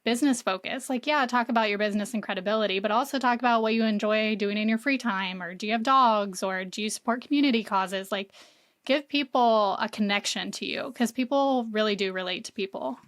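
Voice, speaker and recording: A woman's voice: medium pitch, a little fast, a bit bright, no echo, clean studio sound. A woman guest on a podcast, explaining marketing casually with many "like" fillers. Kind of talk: conversational interview.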